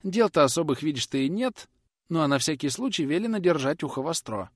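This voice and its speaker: A man's voice: on the high side, big pitch swings, fairly quick, dry recording, studio quality, pitched above the performer's own voice. A man playing a nervous young knife-grinder who pleads and dodges questions in a storybook reading. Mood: pleading. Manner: whining, pleading.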